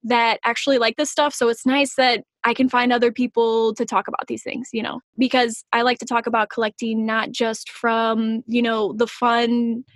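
A woman's voice: on the high side, little pitch movement, normal speed, few pauses, no room sound, studio quality. A woman hosting a casual conversation, chatty and loose with lots of "you know" fillers. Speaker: host. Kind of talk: casual chat.

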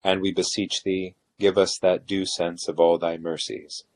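A man leading evening prayer as officiant, reciting liturgy in a solemn, measured way. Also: low-pitched, little pitch movement.

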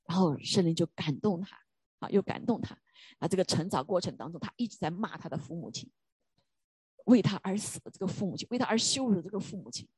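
A woman's voice: on the low side, expressive, fast, a little mellow, husky, no room sound. A woman preaching a sermon, telling a story with emphatic rhetorical questions.

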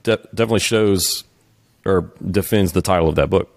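Very low voiced host guy, kinda halting, dry close sound. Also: dry recording. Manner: halting, many restarts and fillers. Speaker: podcast host. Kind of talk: interview, casual chat.

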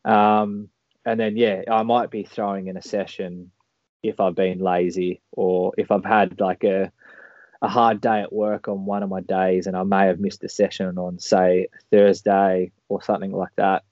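A man's voice: deep voice, level tone, a little slow, no room sound. A man chatting casually as an interview guest, rambling along in a laid-back way. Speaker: podcast guest, marathon runner. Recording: dull lo-fi call audio.

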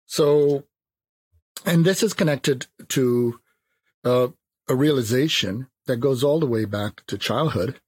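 A man in his fifties, from Jamaica, speaking as a philosopher in a thoughtful, measured interview. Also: mid-range voice, slightly rough, no echo. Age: 50s. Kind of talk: reflective interview talk.

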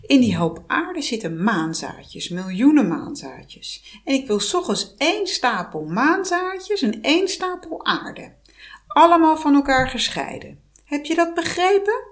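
Woman doing Baba Yaga, a shrill commanding witch. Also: very animated, measured pace, heavily acted. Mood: demanding. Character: old witch, demanding and sarcastic.

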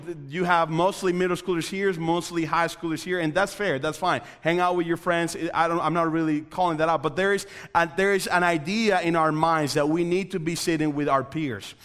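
A young man gives a youth sermon in a large room. He talks straight to the listeners and repeats his lines for emphasis. His voice sits a little high, and long reverb from the hall trails after it. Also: a bit bright, clean tone. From Dominican Republic. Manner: earnest, repetitive emphasis, addresses the room directly. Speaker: youth pastor.

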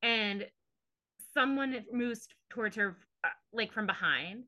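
A woman's voice: a little high, slow pace, sharp tone, dry recording. A woman co-hosting a podcast, casually retelling scenes with lots of fillers. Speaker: podcast co-host. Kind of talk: casual recap chat. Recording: dull lo-fi podcast audio.

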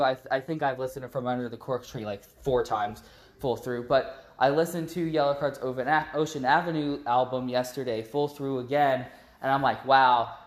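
A man rambling in a chatty, casual voice message that is played back on the show. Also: mid-range voice. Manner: rambling, chatty fan talk. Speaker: listener leaving a voice message. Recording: roomy voice message recording.

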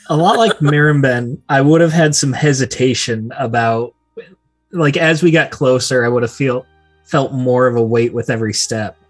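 Medium-pitched man at a tabletop game. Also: a little slow, soft background music. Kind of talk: casual tabletop game talk.

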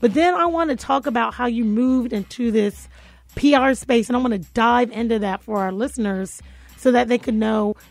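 A woman's voice: a little high, moderate pace, vocal fry, dry recording, soft background music. A woman hosting a radio talk show, chatting casually and speaking straight to her listeners. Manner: chatty, talks to listeners directly. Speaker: radio host.

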